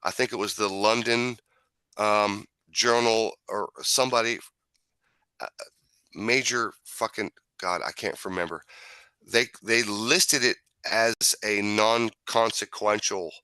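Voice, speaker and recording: Guy with a smokers rasp, forceful voice, ranting casually and swearing, repeats himself, very dry sound. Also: on the low side, fairly even intonation, slow pace, no echo. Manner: emphatic, repetitive, sweary. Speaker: talk show host. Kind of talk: casual opinionated talk.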